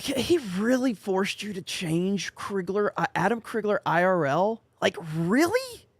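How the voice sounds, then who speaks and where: A man's voice: high-pitched, sing-song, a little slow, no echo, studio quality. A man hosting a livestream show, talking loosely over a video call on a blown-out, clipping, distorted mic. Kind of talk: casual chat on a live video call. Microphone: computer mic over a video call.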